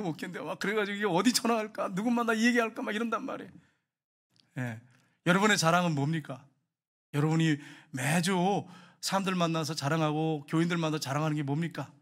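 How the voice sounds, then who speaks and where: A male pastor preaching a sermon, telling stories in an animated way and speaking directly to his congregation. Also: a little high, a little fast. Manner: animated storytelling, addressing the congregation.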